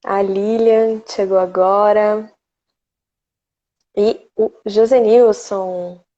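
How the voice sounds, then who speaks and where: A woman's voice: medium pitch, fairly even intonation, very slow, dark tone. A woman from Brazil hosting a casual live poetry stream, chatty and greeting viewers by name. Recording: slightly dull lo-fi stream audio.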